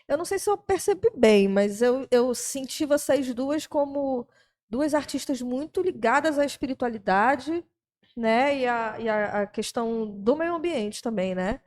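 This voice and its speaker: A woman's voice: high voice, expressive, a little slow, darkish tone. A woman hosting a casual podcast interview, chatty and often checking for agreement. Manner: chatty, seeks agreement with frequent tag questions. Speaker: podcast host.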